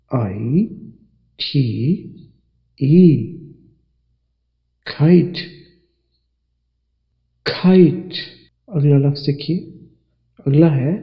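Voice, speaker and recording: Slow, dark-voiced male teacher. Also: medium pitch, gravelly, poor audio. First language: Urdu. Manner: slow and deliberate, spells out letters and repeats words. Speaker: English teacher. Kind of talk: slow spelling lesson narration.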